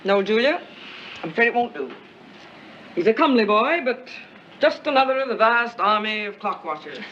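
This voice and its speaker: A sharp-tongued, rebellious young woman, bright and forceful in tone, teasing everyone around her. The sound is an early talkie film soundtrack, muffled and lo-fi with a faint hiss underneath. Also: fairly high pitch, very animated. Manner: teasing, quick ironic delivery. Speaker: film actress. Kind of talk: 1930 romantic comedy acting.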